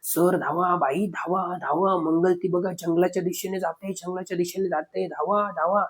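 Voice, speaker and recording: Guy voicing a panicky husky schoolgirl yelling for help, pitched up. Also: fairly even intonation, moderate pace. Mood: panicked. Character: frightened schoolgirl pleading with her friend.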